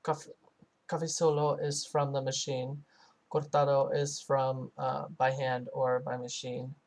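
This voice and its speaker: Man, translation voice-over, live interpreting, hesitant, lots of filler sounds, narrow pitch range. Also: flat delivery, unhurried, a little mellow. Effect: live translation voiced over a foreign-language source. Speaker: student interpreter.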